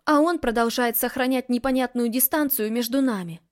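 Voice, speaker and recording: Woman, high voice, audiobook narration, first person, steady intimate storytelling. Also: fairly quick.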